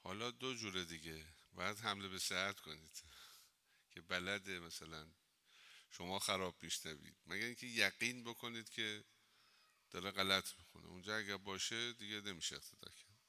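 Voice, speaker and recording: A man's voice: low-pitched, bright, forceful tone, clear, resonant tone. A man, a cleric, giving an informal religious lesson in a mosque, talking conversationally and telling humorous anecdotes.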